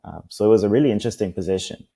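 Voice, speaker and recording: A guest from Costa Rica on a business interview talks at length, rambling loosely with many fillers and restarts. His fairly low voice races along, gravelly and dark with a breathy edge.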